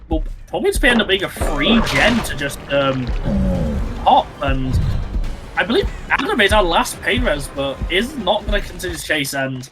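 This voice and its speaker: A man giving live esports commentary on a match, animated and rambling, full of fillers and restarts. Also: high-pitched. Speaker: esports caster.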